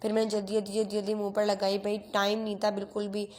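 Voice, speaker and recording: A woman's voice: mid-range voice, completely flat delivery, fast talker, darkish tone. A teenage girl narrating a casual get-ready-with-me vlog, chatty and self-mocking, mixing English phrases into Hindi, recorded on a phone camera at home. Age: teens. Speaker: vlogger. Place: bedroom at home.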